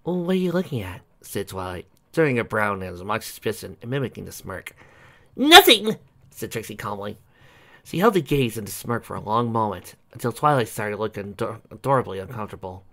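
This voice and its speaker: A man narrating a fan fiction story aloud in an expressive storytelling manner. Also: lowish voice, fairly quick. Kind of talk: fan fiction audiobook reading.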